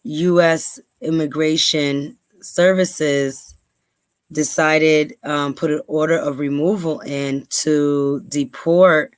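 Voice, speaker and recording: This podcast host, a dry-voiced New York woman, has a deep, clear, resonant voice and fairly even intonation, taking things slowly with no echo. Her casual commentary and reading aloud are conversational and full of ums, and she quickens when driving points home.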